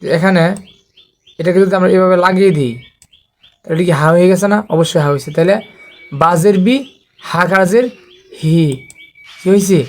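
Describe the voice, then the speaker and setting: Male teacher, higher voice, patient, methodical recitation drills. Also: darkish tone. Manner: slow, patient, repeats letter drills. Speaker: Quran reading teacher. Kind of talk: online recitation lesson.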